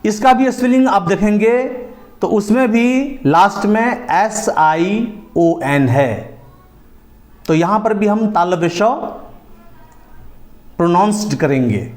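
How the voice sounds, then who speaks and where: Guy with a high voice teaching english sounds, super slow, spells stuff out and says it all twice. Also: animated. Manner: repeats each point slowly, drawing out letters and falling at phrase ends. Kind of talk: spoken lesson, spelling words out letter by letter.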